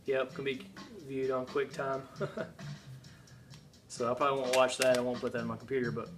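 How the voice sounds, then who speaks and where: A man's voice: mid-range voice, monotone, normal speed. A man hosting his channel, chatting casually and rambling through a haul, a bit winded, with many fillers and restarts. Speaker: channel host showing a music haul. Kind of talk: casual chat. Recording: music playing in the background.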